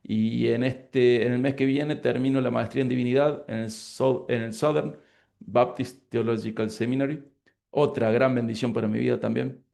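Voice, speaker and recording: A man's voice: medium pitch, steady tone, vocal fry, warm tone. A man in his forties from Córdoba with an Argentine accent, a pastor closing a class with prayer and speaking earnestly about his life and studies. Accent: Argentine Spanish (Córdoba). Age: 40s. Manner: earnest, grateful, unhurried. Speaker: pastor and lecturer. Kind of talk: prayer and interview answers.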